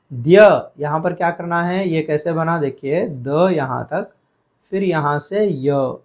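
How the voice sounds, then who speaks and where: A man teaching a spelling and pronunciation lesson, drawing out words slowly and asking questions he then answers himself. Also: on the high side. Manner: slow, deliberate, stretches out words to model pronunciation. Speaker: Hindi teacher.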